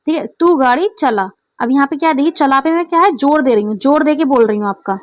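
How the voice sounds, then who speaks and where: High-voiced woman teaching an exam lesson. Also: quick pace, no echo. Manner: explains step by step, often checks understanding. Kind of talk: exam-prep lecture.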